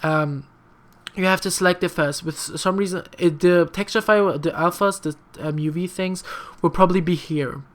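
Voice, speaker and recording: With a steady, mid-range voice at normal speed, a young non-native English speaker walks through a casual screen-recorded tutorial. The talk rambles, with many fillers, frequent apologies, and candid, mildly sassy asides.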